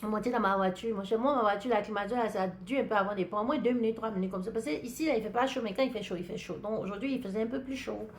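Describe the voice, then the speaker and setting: A woman's voice: medium pitch, racing, few pauses. A woman from Africa with an African French accent, hosting a podcast and telling a personal story in a chatty way, talking straight to her listeners. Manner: chatty, talks straight to listeners, lively retelling. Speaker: podcast host. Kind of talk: casual storytelling monologue.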